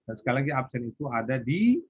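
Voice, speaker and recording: Lecturer with a husky, tinny voice. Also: male voice, mid-range voice, very animated, fast talker, dry recording. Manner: asks and answers his own questions. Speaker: university lecturer. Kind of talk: recorded online lecture. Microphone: recorded for a YouTube class. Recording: tinny phone-like sound, husky.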